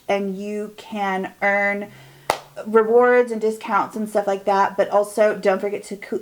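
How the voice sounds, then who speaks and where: A woman's voice: mid-range voice, a little mellow. A young woman, chatting and rambling in a bubbly get-ready-with-me vlog recorded at home. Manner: bubbly, rambling, quick bursts of speech. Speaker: beauty vlogger.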